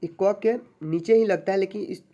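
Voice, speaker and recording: A patient teacher in an online lesson, stretching out each syllable slowly and repeating examples. The voice sits at a middle pitch and keeps asking if the friends watching understand. The delivery stays steady and instructive. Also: highs cut off. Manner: patient, repetitive, checks understanding often; sounds out syllables slowly and drawn out. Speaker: Hindi teacher.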